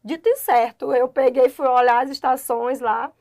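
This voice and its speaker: Animated young woman telling her story. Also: high voice, moderate pace. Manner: animated storytelling, acts out quoted voices. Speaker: guest, doctor. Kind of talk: casual interview chat.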